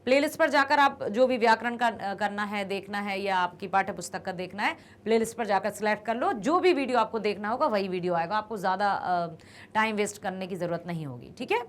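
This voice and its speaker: A woman teaching a grammar lesson, explaining patiently and repeating each word slowly. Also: mid-range voice.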